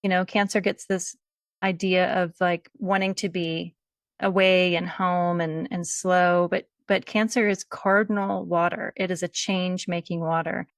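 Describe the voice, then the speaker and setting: A woman hosting a casual conversation, explaining things in a relaxed way and thinking aloud as she goes. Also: lowish voice, unhurried, no room sound, clean studio sound. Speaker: host.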